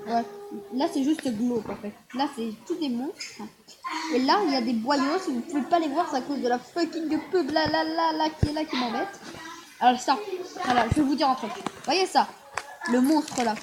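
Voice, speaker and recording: Excitable, high-pitched woman gamer rambling casually, on a noisy home recording. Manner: chatty, excitable, rambling with fillers. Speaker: gaming vlogger. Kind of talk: casual screen-recorded commentary.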